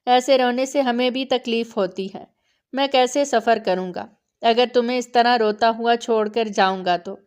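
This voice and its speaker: A woman narrator voicing a protective elder brother who speaks softly but firmly to his sister. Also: fairly high pitch, clean tone, close to an everyday voice. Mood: reassuring.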